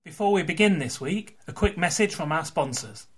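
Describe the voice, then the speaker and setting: A man's voice: on the high side, lively intonation, normal speed, loud music behind the voice. A man hosting a podcast, chatty and wry in an informal way. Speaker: podcast host. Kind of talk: conversational podcast interview with ad read.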